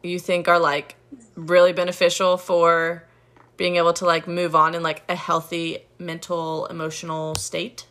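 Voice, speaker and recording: A young woman co-hosting a faith podcast, chatting quickly and agreeably and laughing often. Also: on the low side, monotone, a bit bright. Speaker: podcast co-host. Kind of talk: casual chat.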